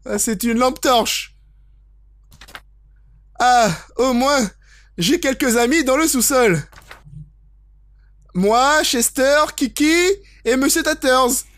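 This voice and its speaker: A gaming YouTuber giving expressive, jokey let's play commentary on a horror game, prone to exclaiming and swearing. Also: sits high, slow, pauses often. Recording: game music behind the voice. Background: horror game music.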